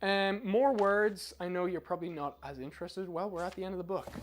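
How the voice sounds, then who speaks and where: A man's voice: high-pitched, fairly quick, slight background noise. A man giving casual live game commentary as a streamer, chatty, informal and self-deprecating.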